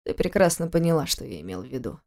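A woman reading the part of a scornful, controlling husband in an audiobook, speaking quietly, mockingly and with menace. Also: on the low side, a little fast, natural voice. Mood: cold. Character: cold, scornful adult man, a controlling husband.

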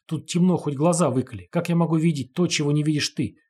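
A man's voice: on the high side, quick pace, warm tone, husky, voice pushed up. A man voicing a crude, short-tempered male convict who snaps curtly, in a storybook reading. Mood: snapping. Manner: snarling, crude, curt.

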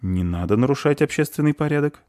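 A man voicing a calm, powerful nobleman who speaks in a dry, matter-of-fact manner in an audiobook. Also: mid-range voice, fast, no room sound, pitched above the performer's own voice, close to an everyday voice.

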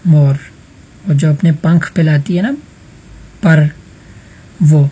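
A man leads an online Arabic vocabulary class in a husky, slightly breathy voice. His tone is mellow and warm, and he patiently quizzes students one by one. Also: a little high, steady tone. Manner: patient, calls on students by roll number. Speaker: teacher.

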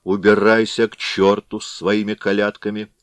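Vakula, a man doing a hot-tempered shouting blacksmith. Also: on the low side, level tone, normal speed, no room sound, close to an everyday voice. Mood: angry shouting. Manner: shouting, gruff commands. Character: angry young male blacksmith, burly and hot-tempered.

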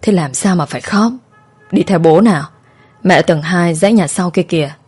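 A soothing middle-aged father comforts his tearful daughter in a spoken story, as a woman narrator voices him. The voice sits low and warm, patient and steady. It stays everyday rather than heavily acted. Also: moderate pace, husky, soft background music. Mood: reassuring.

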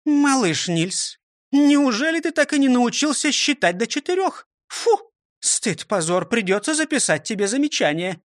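A man voicing a strict old female schoolteacher who scolds in a sharp, commanding tone. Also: very high voice, sing-song, moderate pace, no room sound, studio quality, pitched above the performer's own voice. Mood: stern, scolding.

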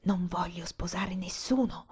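A woman's voice: fairly high pitch, unhurried, mellow, breathy edge, pitched above the performer's own voice. A woman reading the lines of a shy, frightened young woman in love, often in a whisper. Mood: hushed.

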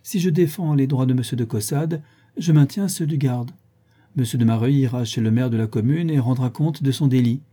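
A man's voice: mid-range voice, fairly quick, warm tone, slightly rough, natural voice. A man reading an audiobook, voicing a witty, playful aristocratic lady who hands down mock-solemn judgments.

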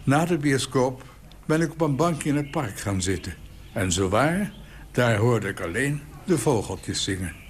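A man's voice: medium pitch, expressive, unhurried, slight background noise. Dry, wry man in his eighties. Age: 80s. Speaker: columnist. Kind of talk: reading his own column.

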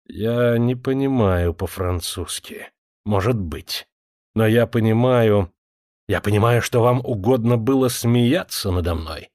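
A man reading an audiobook voices a coarse, hot-tempered older male cavalry officer with a low, gruff, sneering manner. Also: unhurried, darkish tone, dry recording, clean studio sound, lightly acted. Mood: bitter.

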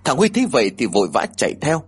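A man reads a ghost story aloud with a husky, slightly breathy tone. His pitch moves a lot as he builds the tale. The delivery is formal and expressive. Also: racing. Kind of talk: scripted story narration.

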